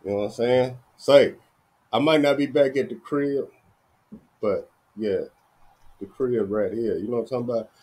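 A middle-aged man from the Dallas–Fort Worth area of Texas hosts an entertainment news channel, chatting casually to viewers and tacking "man" and "you know what I'm saying" onto everything. His medium-pitched voice is a little mellow and slightly rough, with fairly even intonation, a moderate pace and long pauses. He's in a small indoor room, recorded on a webcam while wearing headphones.

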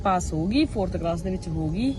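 A woman's voice: lowish voice, lively intonation, a little fast. A woman with a Punjabi accent chatting casually and complaining as a family vlogger out on a trip. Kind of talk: casual chat on an outing. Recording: noisy car and street sound.

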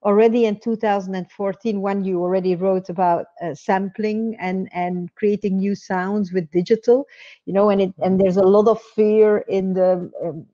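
A middle-aged woman hosting an interview on a video call, speaking hesitantly with many pauses and restarts. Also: mid-range voice, fairly even intonation, dark tone. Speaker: interview host. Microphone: earbud headset on a video call. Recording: dull lo-fi video call audio.

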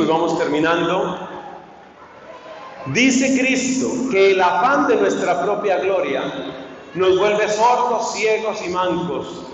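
A man preaching a sermon as a priest, swinging from hushed pleading to fervent shouting. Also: high-pitched, noisy background. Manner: impassioned, swings from soft to shouting. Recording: echoey hall, distant mic, dull sound.

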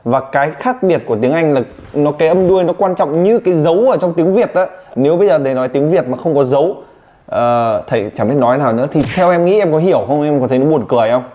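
A man teaching English pronunciation one-on-one, teasing and drilling his student with quick questions. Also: a little high, lively intonation, warm tone.

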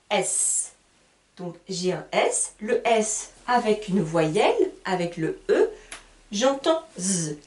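A French teacher leads a beginners' lesson, spelling words letter by letter and carefully repeating her examples. Her voice is on the high side and a little mellow, recorded with a roomy sound as if she stands a bit far from the mic.

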